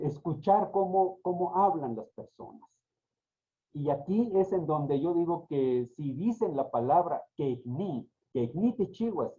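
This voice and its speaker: A man, the author of a grammar book, explaining pronunciation and repeating example words with careful stress contrasts, with a Mexican Spanish accent. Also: a little high. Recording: tinny phone-like audio.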